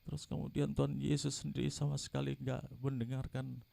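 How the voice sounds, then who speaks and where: A man's voice: mid-range voice, little pitch movement, brisk, gravelly, mellow. A middle-aged man giving an earnest spoken testimony at a church service, telling his story and acting out the dialogue he remembers.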